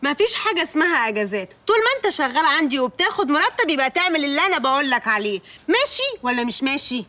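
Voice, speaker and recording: A bossy Egyptian wife-boss. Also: female voice, high voice, very animated, sharp tone, heavily acted. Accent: Egyptian Arabic. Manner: bossy, scolding, quick-fire. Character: bossy young wife lording it over husband. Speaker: wife newly made her husband's boss.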